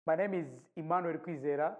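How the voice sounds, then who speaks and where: A man, an evangelist giving a measured recorded sermon. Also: on the high side, fairly even intonation. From Rwanda. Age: 40s. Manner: measured, deliberate preaching with long pauses. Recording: dull lo-fi recording.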